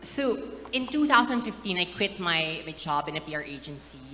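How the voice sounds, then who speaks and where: Woman, startup founder, earnest, reflective, lower voice, bright tone. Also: very animated, normal speed. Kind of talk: panel talk. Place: conference stage. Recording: reverberant event hall.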